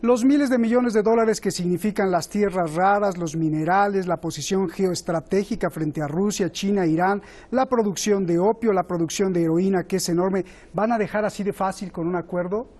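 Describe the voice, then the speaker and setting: A man's voice: high-pitched, normal speed, few pauses, darkish tone. A man hosting a political talk show, putting probing rhetorical questions to his guests. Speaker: host.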